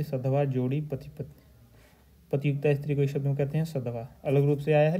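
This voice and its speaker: A male teacher going through exam questions, reading each answer option aloud slowly and then stating the correct one. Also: mid-range voice, warm tone. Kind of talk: exam question walkthrough lecture.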